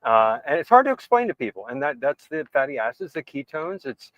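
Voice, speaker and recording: A man's voice: on the high side, big pitch swings, brisk, a bit bright, no echo. A man hosting a casual chat, earnestly agreeing with his guest and building on the points. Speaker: host. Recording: dry, dull lo-fi sound.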